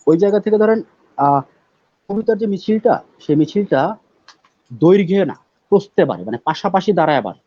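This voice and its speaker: A man speaking as a guest poet on a live talk show, loud and emphatic, repeating words for stress. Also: high voice, animated, fairly quick, long pauses, no room sound. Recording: dull, dry lo-fi audio.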